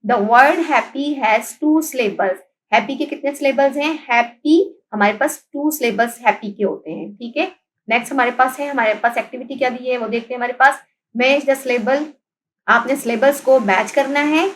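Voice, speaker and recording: A young woman with a high voice teaches a class lesson. She spells words letter by letter, patiently repeats each one and mixes English terms into her explanations. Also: fairly quick, poor audio. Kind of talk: classroom lesson recorded as video.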